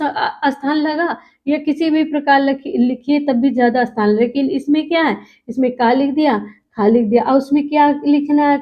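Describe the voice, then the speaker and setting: A woman teacher giving a lecture, asking the class questions and answering them herself, and stretching out key words for emphasis. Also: high-pitched. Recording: muffled lo-fi recording.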